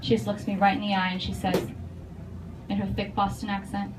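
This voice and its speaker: A woman comedian telling a stand-up story, animated and profane, bursting into loud shouts. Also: mid-range voice, brisk, over loud music. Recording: distant mic, noisy.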